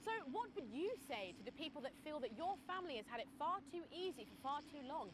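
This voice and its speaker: An actress playing an earnest, self-important British television field reporter. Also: female voice, high-pitched, very animated, fast. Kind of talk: comedy news reporting. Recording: very noisy outdoor report.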